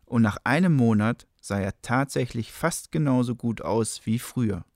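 A man tells an old legend in a calm, even storytelling manner. His voice sits at an ordinary middle pitch. The close recording is dry, with no room echo. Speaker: narrator.

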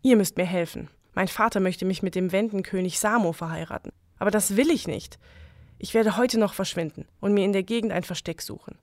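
A woman's voice: mid-range voice, fairly quick, dry recording, clean studio sound, natural voice. A woman voicing a young medieval princess, devout and defiant, speaking earnestly, in an audio legend reading. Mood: pleading. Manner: earnest, pleading.

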